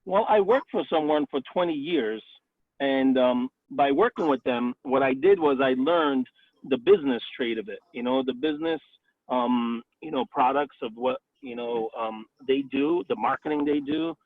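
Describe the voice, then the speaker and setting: A man's voice: mid-range voice, normal speed, dry recording. A man in his forties, a restaurant owner and chef, talking casually in a career interview and filling his answers with "um" and "you know". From Italy, raised in the Bronx, New York. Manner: chatty, many fillers like "um" and "you know". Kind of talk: career interview over a call. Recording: tinny phone-like line, dry.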